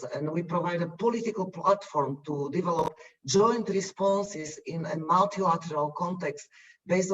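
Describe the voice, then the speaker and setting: A man delivers formal panel remarks in a measured way, ticking off points one after another. His voice sits a little high. The sound is distant and dull, as if he were well back from the microphone on a call. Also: a bit bright. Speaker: UN official panelist. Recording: distant, muffled video call audio.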